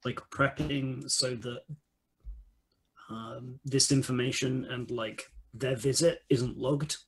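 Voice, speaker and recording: A man playing a tabletop role-playing game, thinking aloud with pauses as he plans. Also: medium pitch, steady tone, fairly bright tone, a little hiss or hum, rough recording. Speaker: player. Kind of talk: casual game table chat.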